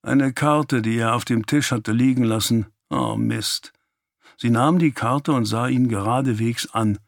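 A man reading a novel aloud as an audiobook narrator, calm and even. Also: medium pitch, moderate pace, no room sound, clean studio sound. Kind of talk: scripted narration.

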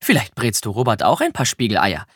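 A man plays an elegant ghost mother in a children's audiobook, proper and easily indignant. Her voice is husky and dry, with lively pitch. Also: brisk, no room sound, heavily acted. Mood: pleased.

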